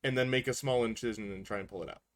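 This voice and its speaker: A man playing a tabletop game, earnestly thinking out loud about plans. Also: fairly low pitch, rapid-fire. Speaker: player. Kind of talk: casual tabletop game chat.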